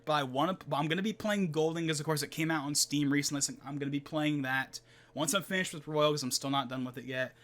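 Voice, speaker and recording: Bright, rambling young man on podcast. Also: a little high, fairly even intonation, quick pace. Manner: rambling, filler-heavy, laughs often. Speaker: podcast host. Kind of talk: casual solo gaming podcast talk.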